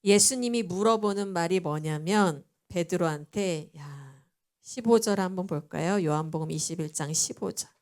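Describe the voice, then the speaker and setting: Lively woman preaching a camp sermon. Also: fairly low pitch, moderate pace. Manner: animated, acts out voices in dialogue with laughter; addresses the audience directly with questions. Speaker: missionary preacher.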